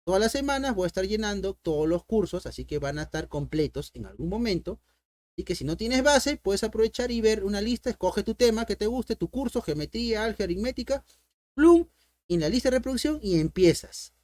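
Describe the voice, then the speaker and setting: A man's voice: high-pitched, expressive, a little fast, darkish tone. A man teaching an online math lesson in a playful, coaxing way. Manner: playful, coaxing, talks to viewers and imagined students.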